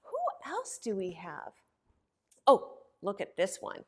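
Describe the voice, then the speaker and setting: This librarian's mid-range, husky voice turns expressive and sing-song as she hosts an interactive story time for young children, pausing for answers after her questions.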